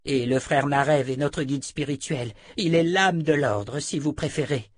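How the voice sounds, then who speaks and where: A man's voice: a little high, measured pace, no room sound, pitched above the performer's own voice. A man reading an audiobook, voicing a cowardly, fawning male killer who grovels before his captors. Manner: wheedling, zealous.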